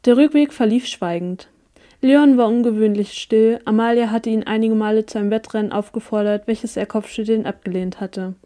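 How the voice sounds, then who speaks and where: Woman reading a story out loud, warm mellow voice, steady pace. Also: on the high side, moderate pace. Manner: even, storytelling read. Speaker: audiobook reader. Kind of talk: first-person story narration.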